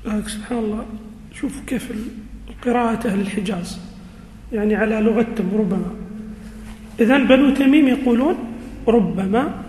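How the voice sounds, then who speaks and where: Male teacher, very high voice, slow and deliberate, repeats key words, quizzes the class; long echoey hall reverb, faint background ambience. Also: darkish tone, a little hiss or hum. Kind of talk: classroom lesson on Quranic grammar.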